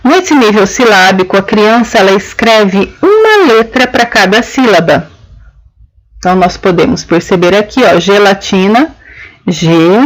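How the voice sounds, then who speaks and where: A woman gives a lesson to her audience. Her pitch sits in an ordinary middle range. She explains things patiently, one step at a time, and often checks that her listeners are following. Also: expressive, moderate pace, poor audio. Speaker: teacher. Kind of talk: explanatory lesson on children's writing.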